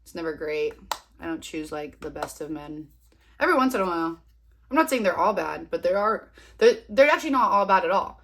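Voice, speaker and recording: A woman in her twenties, sniffly with a cold, rambles chattily to viewers while doing her makeup at home, poking fun at herself along the way. Her voice is fairly low and a bit bright, with lively intonation and a fairly quick pace.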